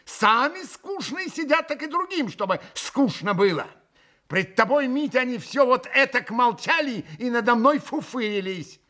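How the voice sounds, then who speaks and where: A man's voice: high voice, animated, takes it slowly, voice pushed up, exaggerated voice. A man voicing a proud, imperious young woman who snaps and scolds. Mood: imperious, scolding. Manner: sharp, scolding, commanding.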